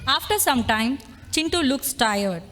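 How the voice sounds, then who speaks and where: Brief: a slightly high woman narrator for a school play, steady, echoing hall. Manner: measured storytelling. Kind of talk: scripted stage narration. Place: school annual day event. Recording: echoey hall with long reverb.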